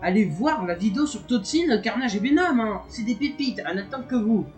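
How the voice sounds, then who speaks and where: A man's voice: sits high, animated, fairly quick. A man hosting his own video channel, talking casually in a rambling, playful, self-mocking way, full of fillers and restarts. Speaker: YouTube channel host. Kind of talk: casual chatty video intro. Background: background music.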